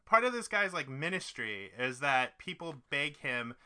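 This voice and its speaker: A man's voice: fairly high pitch, sing-song, unhurried, sharp tone. A man co-hosting a casual podcast, recounting scenes in a rambling way full of "like" and restarts. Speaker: podcast co-host. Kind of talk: casual chat.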